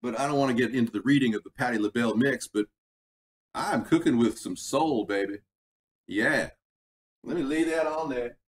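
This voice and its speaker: A man with a medium-pitched voice talks at a normal pace while hosting a casual live cooking stream. He rambles in a folksy way and breaks off now and then to read the chat. His computer microphone sits away from his mouth, so the sound is tinny and distant, with background noise.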